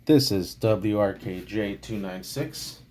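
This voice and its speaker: A man hosting a how-to video, speaking slowly as he walks away from the phone, so his voice comes through faint and distant on the phone's mic. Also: lowish voice, a little mellow, roomy sound, a little hiss or hum. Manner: talks slowly, announcing a test. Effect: far from the phone mic, faint and distant. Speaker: tutorial host. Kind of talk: casual how-to demonstration. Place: indoors at home, walking into the next room. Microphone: phone microphone left behind.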